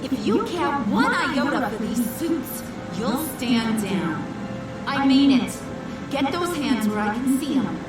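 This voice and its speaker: A brash, menacing villainess in a video game. Her pitch is high and lively as she toys mockingly with threats. Loud music surrounds the echoing sound. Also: slow pace, full character voice. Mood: mocking menace. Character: brash, sassy, menacing female gun-wielding villain. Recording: echoey distant game audio under loud music.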